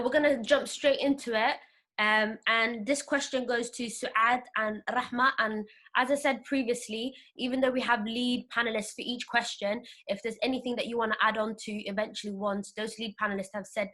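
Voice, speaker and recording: A woman moderating an online panel on a video call, introducing each speaker briskly. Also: a little high, fairly even intonation, pushed and bright.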